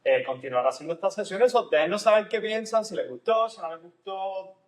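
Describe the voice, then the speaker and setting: Quick and lively, this high male voice belongs to a Puerto Rican therapist co-hosting a conversational podcast. His accent is Puerto Rican Spanish with a bit of Nicaraguan mixed in, heard in a roomy, echoey recording.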